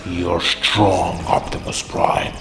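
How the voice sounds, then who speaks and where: A cold, scheming male robot villain gloats slowly in a breathy, menacing whisper. His voice is low and gravelly. It rings through an echoey room, with faint music behind it. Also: little pitch movement, heavily acted. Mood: gloating.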